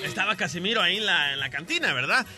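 A man, a radio DJ and co-host, telling a joke as a lively storyteller. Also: high-pitched, fast talker, loud music behind the voice.

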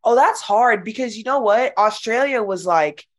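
A woman's voice: fairly high pitch, lively intonation, normal speed. A young woman in a casual interview about her basketball career, chatty and giggly, saying "like" often. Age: young adult. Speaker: college basketball player.

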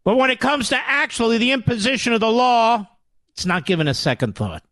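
A talk radio host rants with sarcastic indignation. His voice sits high for a man and swings widely in pitch. The studio sound is dry and close. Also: animated, a little fast, a bit bright, dry recording. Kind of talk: combative political talk radio monologue.

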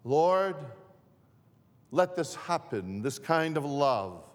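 A man preaching a sermon as pastor, repeating and restarting his phrases in a deliberate way. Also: on the high side, very animated, long reverb tail. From northern Greece.

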